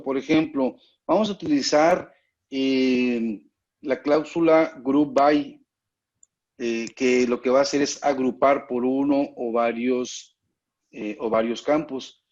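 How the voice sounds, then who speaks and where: A man's voice: medium pitch, a little mellow. Patient man teaching an online class. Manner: patient, explanatory, often checks in with students. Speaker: instructor. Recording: muffled lo-fi online call audio.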